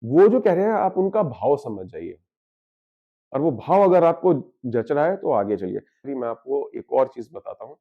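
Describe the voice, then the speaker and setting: A man's voice: medium pitch, expressive, a little slow, gravelly. Guy explaining spiritual stuff, asks then answers his own questions, mixes in english words, kinda muffled audio. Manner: switches freely between Hindi and English. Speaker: astrologer.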